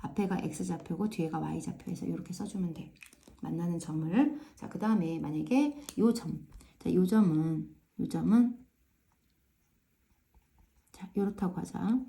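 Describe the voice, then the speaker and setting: A woman's voice: lowish voice, a little slow, gravelly, pauses often, mellow. A woman math teacher explaining step by step in a casual classroom manner, often asking "right?" to check understanding. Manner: frequent tag questions checking understanding; repeats filler "ja" to pace steps.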